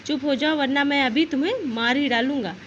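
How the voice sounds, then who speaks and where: A woman's voice: high-pitched, brisk, lo-fi sound, a little hiss or hum, lightly acted. Woman voicing a lion king of the jungle. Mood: angry. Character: angry, proud male lion, king of the jungle.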